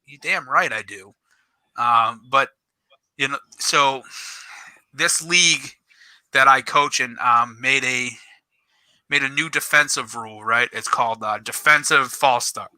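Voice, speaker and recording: A man's voice: medium pitch, measured pace, long pauses, dry recording, low-quality recording. A middle-aged man, a youth football coach telling a story on a casual podcast, acting out quoted lines and swearing. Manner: animated, swears, acts out quoted dialogue.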